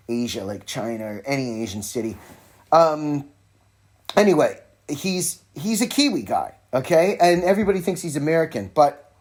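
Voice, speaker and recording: A man with a slightly high, mellow voice hosts a podcast by himself, rambling casually about music. He drops wry, informal asides and keeps interrupting himself, recording informally on his own with a phone at hand.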